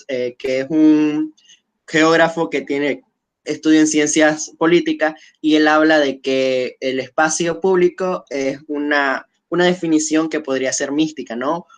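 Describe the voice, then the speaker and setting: A man hosting a webinar and moderating an online panel. He speaks in a measured way, with frequent fillers and restarts. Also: fairly high pitch. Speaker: webinar host.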